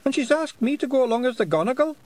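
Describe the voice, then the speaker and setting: A man voicing a tiny, nervous male fairy warrior with a high, squeaky Scottish-accented voice, bashful and stammering. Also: sing-song, fast. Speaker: audiobook reader. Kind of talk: audiobook character voice.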